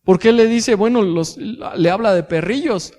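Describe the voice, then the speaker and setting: A man with a Mexican accent preaching a sermon in a church, asking his congregation rhetorical questions and pausing on fillers as he goes. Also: high voice, darkish tone, long reverb tail. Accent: Mexican Spanish. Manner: addresses congregation as brothers, asks rhetorical questions; hesitant fillers and restarts. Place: church hall.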